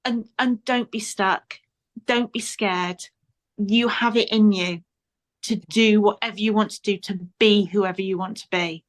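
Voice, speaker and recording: A woman's voice: medium pitch, fairly even intonation, measured pace. A woman guest on a podcast interview, giving earnest motivational advice and repeating points for emphasis.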